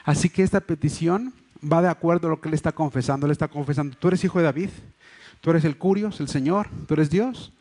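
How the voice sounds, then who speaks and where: Slightly high and mellow, the voice moves fairly quickly. It belongs to a pastor preaching in a church hall on a livestream microphone, with a Mexico City Spanish accent. He explains earnestly, restarting often and using many fillers.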